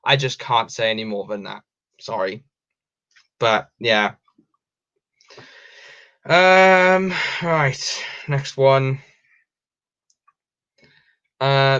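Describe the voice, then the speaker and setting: A man's voice: medium pitch, a bit bright, clean tone. A young Welsh man hosting a casual livestream, reading out viewer questions and answering in a rambling way with many ums and restarts. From Wales. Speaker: livestream host. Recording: dull lo-fi stream audio.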